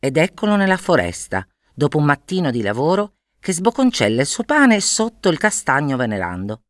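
A woman narrating a fairy tale with an expressive storybook manner. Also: sits low, moderate pace, no echo, clean studio sound.

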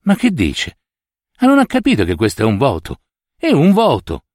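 A man voicing a poor, devout old peasant woman who pleads in a shrill, tearful voice and breaks into quick bursts. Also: wildly swooping pitch, a little mellow, no room sound, clean studio sound. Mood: bewildered.

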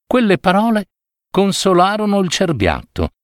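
A man reading fables aloud as a storyteller, expressive and lingering. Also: high-pitched, moderate pace, no echo, clean studio sound.

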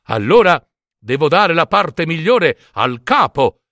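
A cheeky young peasant fool who drawls slowly and brightly, never flustered, as a storyteller puts him on. His voice rises a little above the reader's own and lifts eagerly. The recording is dry and close. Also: fairly high pitch, sing-song, no echo, exaggerated voice. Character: bold foolish young peasant man, cheeky and unflustered.

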